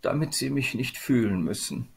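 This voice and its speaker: A man's voice: medium pitch, lively intonation, moderate pace, creaky, slightly rough, pitched above the performer's own voice. A man voicing a small, sorrowful female spirit of sadness in a storybook reading, with a plaintive, lamenting manner.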